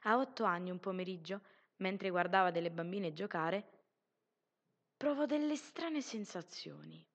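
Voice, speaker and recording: Woman narrating a gentle story. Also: fairly high pitch.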